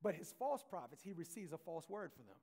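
Male pastor, high voice, preaching with call-and-response, live church mic. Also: big pitch swings, warm tone, slightly rough. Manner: reads scripture aloud, slowing down to stress key phrases. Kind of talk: sermon. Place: church sanctuary.

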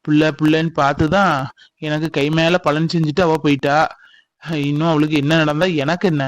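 A man's voice: a little high, flat delivery, moderate pace, close to an everyday voice. A man playing a stubborn, bitter middle-aged father in a family drama skit, speaking bluntly. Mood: stern. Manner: blunt, grumbling.

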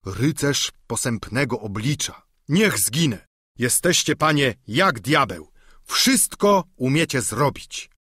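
A man's voice: medium pitch, big pitch swings, slow, bright, forceful tone, husky, no room sound, clean studio sound, full character voice. A man reading a storybook, voicing a simple, talkative peasant squire in an eager, folksy way. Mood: amazed. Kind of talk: audiobook character reading.

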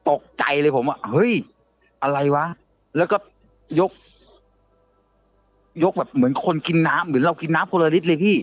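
A man casually telling a ghost story on a live show, halting and often repeating his words. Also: fairly high pitch, dry recording, dull audio, soft background music. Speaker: guest storyteller.

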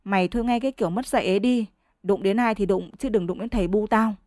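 A woman voicing a lazy, blustering peasant husband who whines and shouts at his wife in a storybook reading. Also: medium pitch, quick pace, no echo, clean studio sound, close to an everyday voice.

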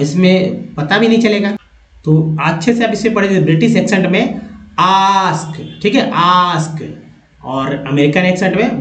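A man teaching pronunciation, repeating each word slowly several times, with quick remarks in between. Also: fairly high pitch, a little mellow. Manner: quick asides between slow drills. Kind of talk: lesson. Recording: echoey lo-fi room recording.

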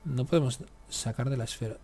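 A man's voice: mid-range voice, a little fast, a little mellow, slight background noise. Guy muttering and swearing at his strategy game, let's-play style, just chatting to himself. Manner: talks to himself, grumbles and curses at the game. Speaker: gaming YouTuber. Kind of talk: casual let's-play commentary.

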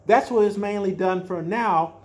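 An older man with a high, slightly mellow voice reads a children's picture book aloud like a storyteller, stretching out words for emphasis and adding simple explanations. He's indoors in a small furnished room at home.

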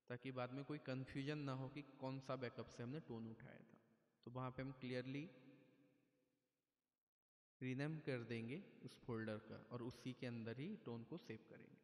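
Man explaining step by step in an echoey room. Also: medium pitch. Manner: plain, patient explaining with frequent "theek hai". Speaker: keyboard tutorial presenter. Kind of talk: casual step-by-step tutorial. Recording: echoey room with long reverb.

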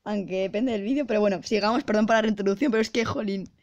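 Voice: medium pitch, fast talker, muffled recording, very noisy. A young adult with an accent from Spain, casually commenting on funny clips while trying not to laugh. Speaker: video creator reacting to funny clips. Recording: loud music behind the voice. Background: music and sound from played clips.

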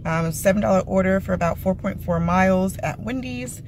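A woman delivery driver talks casually and directly to her viewers from her car. She is recorded on a phone, so it sounds like a plain phone video, with clear engine and road noise underneath her medium-pitched voice. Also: moderate pace. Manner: chatty, talks straight to viewers. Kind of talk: casual vlog chat. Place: inside a car. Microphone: phone camera.

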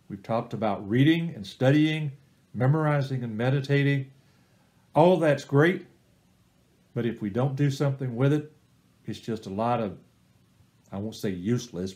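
Leading a church small-group Bible study that's being recorded, a middle-aged man walks through simple advice step by step at an unhurried teaching pace. His voice sits at a medium pitch with a slightly mellow quality.

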